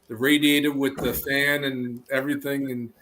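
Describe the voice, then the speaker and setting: A man's voice: medium pitch, little pitch movement, normal speed, fairly bright tone, low-quality recording. A man with an American accent chatting casually on a video call, repeating phrases for emphasis. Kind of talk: casual chat. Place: indoor room on a video call.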